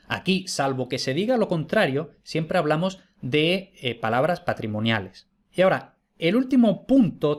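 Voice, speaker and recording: A man teaching a lesson over slides, patient and explanatory, often checking with "¿vale?" and repeating key points. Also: a little high.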